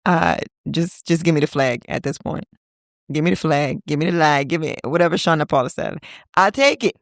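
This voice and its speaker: A woman in her thirties hosting a casual solo podcast, talking in a playful, chatty way with teasing asides and sudden high-pitched exclamations. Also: fairly quick, vocal fry, no echo, studio quality. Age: 30s. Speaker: podcast host.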